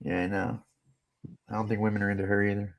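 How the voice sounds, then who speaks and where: Male panelist, gravelly tone, crude humor, teasing. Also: lowish voice, flat delivery, fast talker, a little hiss or hum. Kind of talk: live panel chat.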